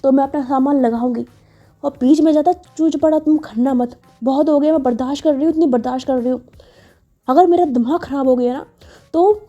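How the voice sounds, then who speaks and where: A woman's voice: sits high, fairly quick, warm tone, muffled recording, voice pushed up, lightly acted. A woman voicing a blunt, bossy young woman who defiantly claims her share of the room. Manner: curt and bossy.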